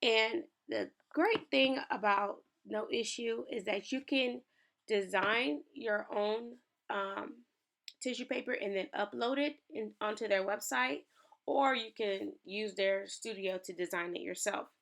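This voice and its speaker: A young woman, a small business owner and lifestyle creator, chats upbeat with viewers during a screen-share design tutorial. It's early morning, so her medium-pitched, somewhat bright voice is raspy, and she speaks a little slowly.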